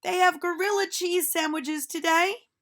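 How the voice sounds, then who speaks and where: In a full character voice raised well above her own, a woman brings a storybook's cheerful, goofy schoolteacher to life for young listeners. Her very high pitch holds a fairly even intonation while she announces things brightly, loudly, and with emphasis, drawing each word out.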